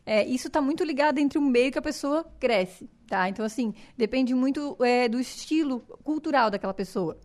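A woman speaks in a clearly high voice, talking as a singing teacher in a relaxed podcast chat. She explains with eager enthusiasm and slips into little vocal demonstrations as she goes. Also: a little fast, few pauses.

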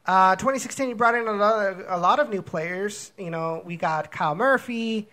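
A man's voice: high-pitched, moderate pace, sharp tone. Man, soccer podcast co-host, casual chat, rambling, many fillers. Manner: rambling, frequent restarts and fillers.

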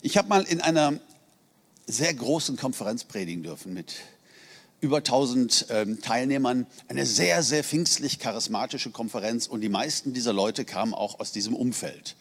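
A man's voice: medium pitch, expressive, normal speed. A middle-aged man preaching a sermon in an earnest, conversational way, asking the congregation rhetorical questions. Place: church hall. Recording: reverberant hall.

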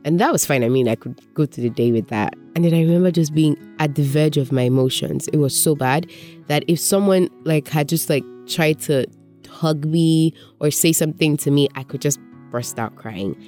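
A woman's voice: low voice, normal speed, dark tone, soft background music. A woman, a radio presenter and voiceover artist, talking candidly about her own experiences and acting out what people said to her. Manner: candid, storytelling, acts out quoted remarks. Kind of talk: reflective personal talk.

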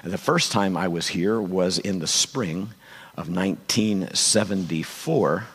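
Gravelly, hoarse older male preacher. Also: low voice. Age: 60s or older. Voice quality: gravelly, husky. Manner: careful, deliberate phrasing. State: hoarse, voice nearly gone. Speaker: guest preacher. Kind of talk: sermon. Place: large church room, speaking to congregation. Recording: long hall reverb.

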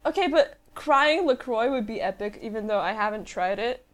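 A woman's voice: fairly high pitch, animated, normal speed, a crowd in the background. A woman hosting a casual podcast chat, joking, swearing freely and giggling often. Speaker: podcast host.

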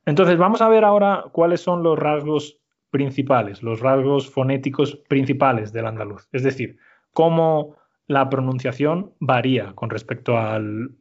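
A man teaches a Spanish lesson in an even, middle voice. He explains step by step and keeps checking that his listeners follow. The recording sounds slightly dull. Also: medium pitch, normal speed. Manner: explanatory, frequent "¿vale?" checks. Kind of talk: language lesson.

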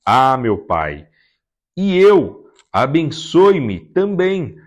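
A man's voice: medium pitch, lively intonation, a little slow. A man reading as a bitter pleading elder son.

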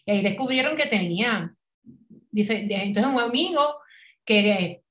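A woman's voice: medium pitch, lively intonation, a little slow, a bit bright. A middle-aged woman with a Puerto Rican Spanish accent, a podcast guest telling her story in casual conversation, acting out quoted dialogue and laughing often.

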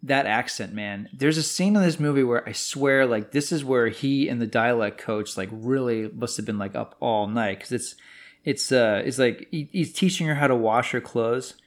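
A man co-hosting a casual film chat, animated and joking, often breaking into playful impressions. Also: normal speed. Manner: animated, jokey, mimics lines in high voice. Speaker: film podcast co-host.

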